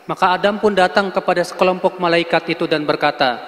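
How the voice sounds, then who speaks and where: A man preaching a sermon to a congregation, often addressing them as "Pak" and checking in with "ya," and acting out quoted speech with lively swings. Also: high voice, quick pace. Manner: addresses the audience as Pak and antum, with repeated "ya" checks. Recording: hall with long reverb.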